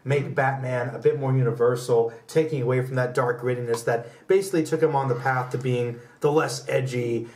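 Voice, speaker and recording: Brisk and barely pausing, this mid-range male voice stays steady with a darkish tone over a little hiss or hum. He's a podcast co-host rambling through opinionated, casual pop culture banter, captured with roomy echo at a distance from the mic.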